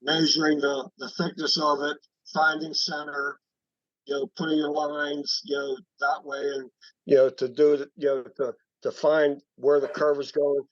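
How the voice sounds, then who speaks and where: A man speaking over a conference call from his cell phone, halting and repeating words as he explains a woodturning project. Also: fairly high pitch, level tone, no echo. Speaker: woodturning club member showing his work. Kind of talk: casual chat on a group call. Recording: dull dry phone-call audio.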